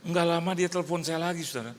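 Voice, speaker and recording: A male pastor telling a humorous story in a sermon, acting out dialogue and shouting prayers. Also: a little high, fast, long reverb tail, a little hiss or hum.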